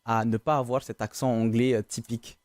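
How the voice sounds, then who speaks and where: A man hosting a television interview, asking relaxed, encouraging questions with frequent hesitations. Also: medium pitch, fairly quick, dry recording, clean studio sound.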